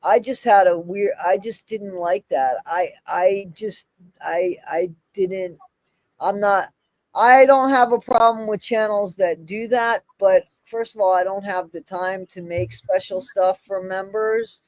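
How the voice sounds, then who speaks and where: A woman's voice: mid-range voice, a little slow, no echo, rough recording. A woman chatting casually on a live stream as a channel creator, emphatic and repeating phrases for stress.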